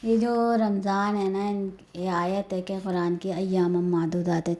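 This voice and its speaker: A woman's voice: mid-range voice, fairly even intonation, a little mellow. A woman vlogging in a casual, rambling way, stopping now and then to say prayers and blessings. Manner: chatty, rambling, says prayers and blessings as she goes. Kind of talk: casual chat. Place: at home and at a horse stable, partly outdoors.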